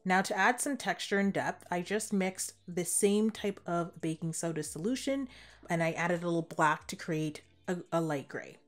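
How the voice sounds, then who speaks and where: Relaxed woman explaining a craft. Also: on the low side, moderate pace, soft background music. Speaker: DIY home decor creator. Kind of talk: voice-over craft tutorial.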